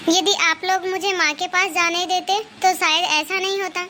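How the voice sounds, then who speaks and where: A woman doing a young wife in a cartoon story, very high and bright voice, emphatic and complaining, faint hiss behind. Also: steady tone, normal speed. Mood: annoyed. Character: young Indian wife, quick-tempered, later remorseful.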